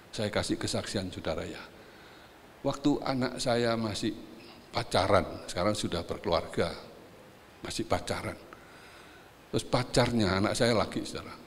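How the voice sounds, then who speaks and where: An older male pastor delivers a lively, story-filled sermon, warmly addressing his congregation again and again. His voice sits on the low side. It carries the long reverb of a large church hall. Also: slight background noise. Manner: animated, anecdotal, addresses listeners as brothers and sisters.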